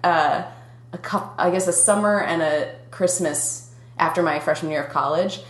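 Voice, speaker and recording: A woman's voice: on the low side, moderate pace, reverberant. Chatty Minnesotan woman podcast host. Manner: chatty, laughs often. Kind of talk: casual podcast chat.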